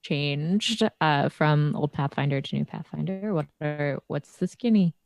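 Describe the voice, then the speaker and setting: A woman's voice: deep voice, a little slow, vocal fry, a little mellow. A woman playing a tabletop game, casually asking questions. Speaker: player.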